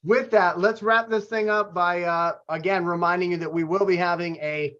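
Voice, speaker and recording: A man's voice: high voice, steady tone, moderate pace, lo-fi sound, a crowd in the background. A man hosting a casual sports podcast over a video call, opinionated and swearing freely. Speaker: podcast host.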